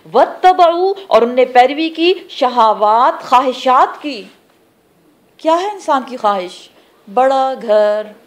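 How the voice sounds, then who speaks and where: A woman teaching a religious class, explaining scripture phrase by phrase and asking the class questions that she then answers herself. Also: mid-range voice. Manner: explains terms word by word, pausing between phrases. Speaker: Quran teacher.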